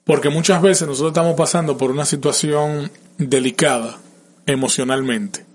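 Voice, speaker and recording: A man's voice: fairly high pitch, fairly even intonation, normal speed. A man, a parent, talking in a casual conversation and earnestly giving advice straight to listeners about feelings and family. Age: adult parent. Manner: emotional and open about feelings.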